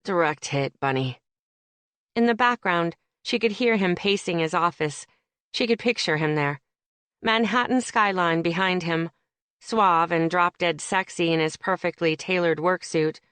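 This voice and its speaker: A woman narrating a romance audiobook in an expressive, wry storytelling manner. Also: fairly low pitch, unhurried, clear, resonant tone, no echo. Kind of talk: scripted narration.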